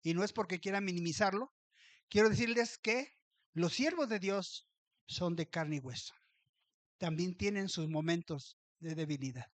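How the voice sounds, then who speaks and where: A man's voice: high voice, moderate pace, dry recording. A man preaching a sermon as pastor, telling the story vividly, acting out the characters' lines and often asking his listeners for agreement. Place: church.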